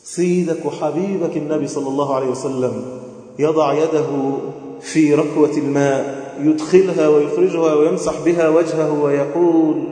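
Male Egyptian preacher, high-pitched and emotive, heavy reverb from a big hall. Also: steady tone, moderate pace. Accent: Egyptian Arabic. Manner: emotive, swings between loud chanting and soft pleading. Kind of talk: sermon. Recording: booming echo with long hall reverb.

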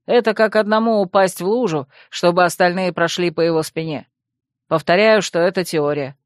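A man's voice: high-pitched, steady tone, moderate pace, no echo, lightly acted. A woman voicing a sardonic young fox shifter. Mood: musing. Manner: dry, mocking, drawling.

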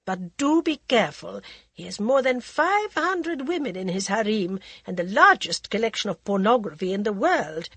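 A woman reading aloud voices a theatrical high-society lady who gushes and calls everyone darling. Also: big pitch swings, normal speed, fairly bright tone, breathy edge, no echo, full character voice. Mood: gushing gossip.

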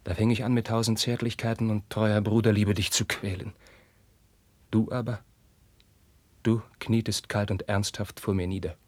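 An actor playing an anguished young prince, declaiming verse in a 1950s radio drama and swinging from hushed whispers to outbursts. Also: male voice, lowish voice, level tone, moderate pace, long pauses, no room sound, lightly acted. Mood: brooding. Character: young anguished prince, passionate, tormented by forbidden love.

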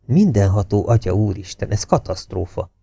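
A male narrator voices a weary, shaken intelligence major who answers low and quietly. The voice is dark and mellow with gravelly fry. It sounds dry and close to the mic. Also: animated, no room sound, heavily acted. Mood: dismayed. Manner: quiet, subdued muttering.

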